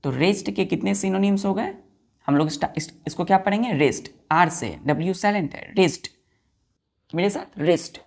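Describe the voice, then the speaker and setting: Gravelly-voiced woman teaching vocabulary. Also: medium pitch, normal speed, a little mellow. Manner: spells words letter by letter, repeats and quizzes pupils; addresses listeners as children. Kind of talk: classroom-style lesson.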